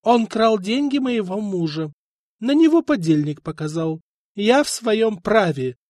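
A proud princess gives orders in a cold, firm, disdainful tone, as a male narrator voices her. The voice sits raised and lively, pressing hard on threats. The sound is close and dry. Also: high-pitched, a little slow, dry recording, voice pushed up. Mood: threatening. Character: proud, icy noblewoman princess, commanding.

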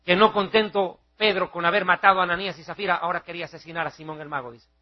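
A male preacher giving a fiery, mocking televised sermon, acting out shouting crowds. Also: sits high, steady tone, racing, dull audio.

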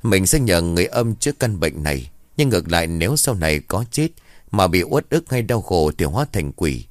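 A man's voice: deep voice, big pitch swings, fairly quick, no room sound, clean studio sound. A man doing a grave old village shaman.

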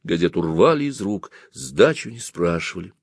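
A man narrating a story aloud in an expressive, measured reading. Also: sits low, creaky, no room sound, clean studio sound. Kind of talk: audiobook reading.

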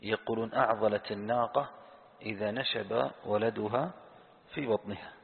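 Gravelly-voiced man teaching Quran commentary. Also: on the low side, steady tone. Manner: poses questions to the audience and answers them himself; repeats key words slowly for emphasis. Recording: tinny phone-like sound in a reverberant hall.

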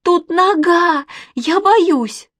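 A woman voicing a frightened little girl who shrieks and cries out in high cries. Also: very slow, no room sound, studio quality, exaggerated voice. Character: frightened little girl Manya, squealing and tearful.

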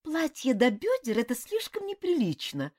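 A woman voicing an impulsive young noble lady in an audiobook, with high, exclaiming lines. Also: wildly swooping pitch, moderate pace, a little mellow, no room sound, studio quality, heavily acted. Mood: fretful, exclaiming. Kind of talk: audiobook character voice.

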